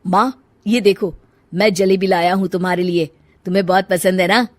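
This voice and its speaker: A devoted grown stepson voiced by a woman in a family story. He speaks gently but insistently, in a dry, close recording. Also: on the low side, fairly even intonation, normal speed, dry recording, natural voice. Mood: eager. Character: devoted, gentle adult stepson caring for his mother. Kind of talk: acted dialogue in a family audio story.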